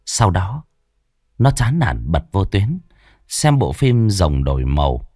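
Low-voiced ghost storyteller. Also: male voice, slow pace, dry recording, studio quality. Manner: grave, expressive storytelling.

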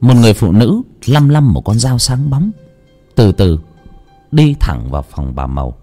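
Husky man telling a ghost story. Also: medium pitch, very animated, normal speed, mellow, faint music behind. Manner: dramatic, lurid. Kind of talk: horror story narration.

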